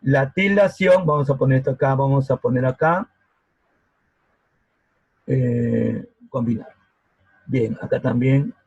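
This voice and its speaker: A man's voice: medium pitch, slow pace, creaky, pauses often, a little mellow, slightly rough, no room sound, muffled recording. A man teaching a grammar lesson over a video call, patient and often checking that students follow. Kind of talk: online grammar class. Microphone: laptop mic on a video call.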